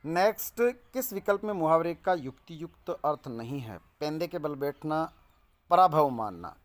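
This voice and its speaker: Emphatic man teaching grammar, higher voice. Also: lively intonation, moderate pace. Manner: explanatory, emphatic, repeats key words. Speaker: exam coaching teacher. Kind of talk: exam answer-key explanation.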